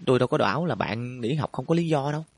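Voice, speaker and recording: A man's voice: medium pitch, lively intonation, fast, vocal fry, no room sound, pitched above the performer's own voice. A man voicing a timid, anxious schoolgirl with pigtails who pleads worriedly.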